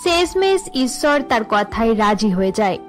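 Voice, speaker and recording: High-voiced woman narrating a cartoon story. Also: faint music behind. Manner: even, measured telling.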